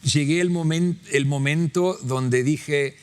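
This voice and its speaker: An Australian podcast host and native English speaker conducts a conversational interview, warm and encouraging as he exhorts listeners. His voice is on the high side and clean-toned, and he takes his time.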